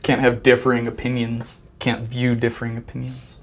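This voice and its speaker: A man's voice: medium pitch, completely flat delivery, moderate pace, slight background noise. A man co-hosting a casual reaction chat, sarcastic and dismissive, cracking jokes. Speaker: co-host.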